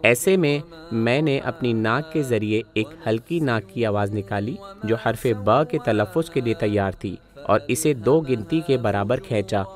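A man gives a recitation lesson in a calm, measured, explanatory voice. His pitch sits in an ordinary middle range, and he walks through each rule step by step. Faint music plays softly behind him. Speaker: Quran recitation teacher.

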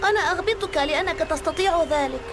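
A woman's voice: extremely high pitch, fast, music in the background. A woman playing a young, resigned schoolboy on a summer stay in a film drama. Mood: resigned, wistful.

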